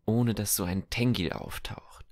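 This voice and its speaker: A man reading a kind, thoughtful teenage boy in an audiobook, gentle and earnest. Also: on the low side, a little slow, natural voice.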